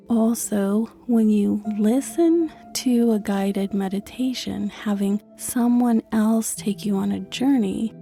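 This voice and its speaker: Slow, soft-spoken woman host. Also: medium pitch. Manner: soft-spoken, slow and measured, some breathy whispered phrases. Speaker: podcast host and meditation guide. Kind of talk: calm explanatory podcast talk.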